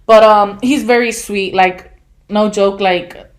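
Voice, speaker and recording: A woman in her twenties telling stories on a casual podcast, animated, laughing and swearing, with lots of fillers. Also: mid-range voice, slow. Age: 20s. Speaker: podcast co-host. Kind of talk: casual storytelling chat.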